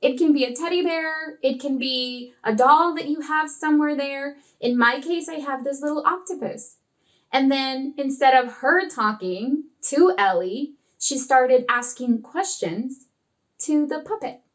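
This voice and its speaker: A woman tutor gives casual teaching tips in a high voice at a slow, unhurried pace. She is expressive and acts out classroom dialogue as she goes. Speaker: online English tutor.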